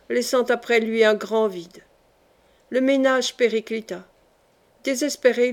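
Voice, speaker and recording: A woman reading a short story aloud in a measured, steady narrating style. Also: fairly high pitch. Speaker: audiobook reader. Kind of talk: scripted narration.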